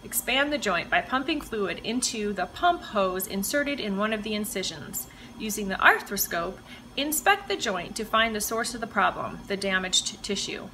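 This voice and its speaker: A woman's voice: mid-range voice, normal speed, slight background noise. A woman reading a droning surgery-lecture voice. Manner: flat instructional delivery. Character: monotone clinical voice of a surgery lecture video.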